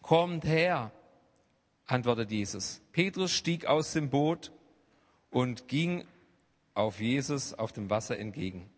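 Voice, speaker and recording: A man preaching a sermon in a church hall, swinging between hushed asides and loud, emphatic outbursts. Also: medium pitch, lively intonation, slow, long pauses. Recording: long hall reverb.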